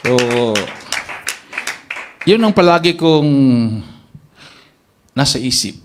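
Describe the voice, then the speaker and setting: A man with a Filipino accent preaching a sermon, telling a testimony and acting out the voices of the people in it, his pitch jumping up on exclamations. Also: slow, crowd noise, noisy background. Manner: animated storyteller acting out quoted voices, pitch leaping up in exclamations.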